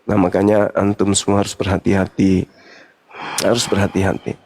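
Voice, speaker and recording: An older man, hosting a casual chat and giving fatherly, lecturing advice with animated stories. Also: sits low, normal speed, breathy edge. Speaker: host.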